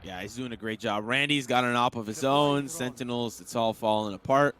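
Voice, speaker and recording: Mid-pitched male esports caster. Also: moderate pace, a bit bright. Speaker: esports commentator. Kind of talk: live esports commentary and analysis.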